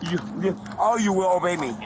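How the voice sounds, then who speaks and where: A man's voice: sits high, brisk. An American man ranting in an agitated, grandiose way at police, swearing and repeating his demands. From North Carolina, US. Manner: demanding, profane, grandiose, repetitive. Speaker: detainee being arrested. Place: outdoors on a street during an arrest. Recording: noisy outdoor street with vehicles.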